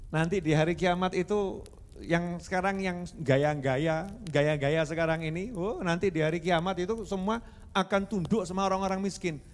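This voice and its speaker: Man, sermon, animated preaching, fairly high voice, long hall reverb. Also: normal speed. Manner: animated, switching into Javanese and acting out prayers.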